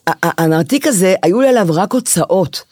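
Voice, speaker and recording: A woman's voice: lowish voice, lively intonation, darkish tone, no room sound, clean studio sound. A woman co-hosting a podcast, telling a personal story in a theatrical, mock-dramatic way. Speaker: podcast co-host. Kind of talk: casual chat, comic storytelling.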